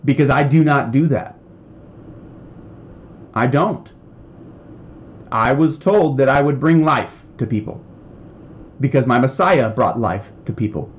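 A man's voice: medium pitch, expressive, a little slow, pauses often, dull audio. A man preaching a heated, emphatic podcast sermon, getting worked up as he talks.

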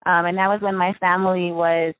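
A young woman from Hawaii, a freediving spearfisher, talking casually as an interview guest with many ums and soft laughs. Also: fairly low pitch, brisk. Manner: relaxed, chatty with frequent ums and soft laughs. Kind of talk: casual interview over the phone. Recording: tinny phone line, dry.

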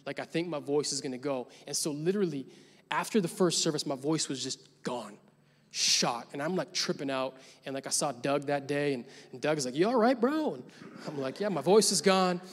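With a fairly high pitch and a slightly fast delivery, a young pastor relates a story in a relaxed way before driving home emphatic points. The recording carries the lingering reverb of a large church hall.

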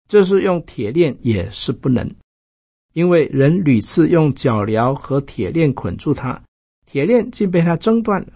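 A male pastor preaching a sermon in Mandarin, retelling Bible stories in a lively way and voicing the characters. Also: creaky, slightly rough, no echo. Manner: lively storytelling, quoting characters with raised pitch.

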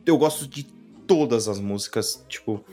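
A man's voice: medium pitch, normal speed, dark tone, soft background music. Enthusiastic Brazilian man chatting casually. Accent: Brazilian Portuguese. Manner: informal, slangy, enthusiastic, emphatic with repetition. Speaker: podcast co-host. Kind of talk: casual chat about films.

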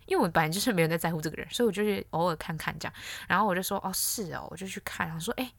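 A woman's voice: on the low side, rapid-fire, dry recording. A young woman, hosting a casual solo podcast and telling stories in a blunt, candid way. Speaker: podcast host.

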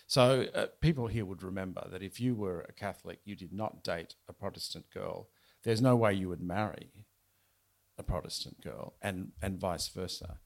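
A man, the author, speaking at a bookshop event. He chats wryly between passages and then reads his novel aloud. His voice sits low and carries a steady gravelly fry. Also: moderate pace. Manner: chatty, wry, with fillers and restarts. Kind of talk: casual talk and reading aloud from his novel.

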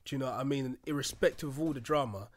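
A man's voice: mid-range voice, very fast. A man speaking as a guest on a casual podcast, telling a long personal story earnestly and acting out what others said. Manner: earnest storytelling, acts out voices in quotes. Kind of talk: casual chat.

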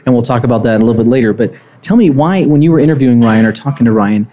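A man's voice: mid-range voice, very fast, highs cut off, slight background noise. A man hosting a live talk show, upbeat and rambling, often repeating words as he interviews a guest. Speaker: host. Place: restaurant with live audience.

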